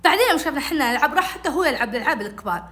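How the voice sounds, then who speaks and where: Rapid, bright-voiced woman. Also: high voice. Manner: animated, acts out every voice. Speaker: storyteller. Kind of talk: casual storytelling.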